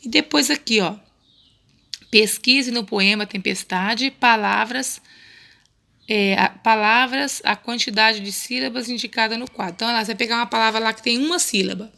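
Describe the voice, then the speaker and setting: Woman, Brazilian accent, primary teacher recording a remote lesson, bright edgy tone with some fry, patient and repetitive. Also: a little high. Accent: Brazilian Portuguese. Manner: patient, coaxing, repeats words slowly.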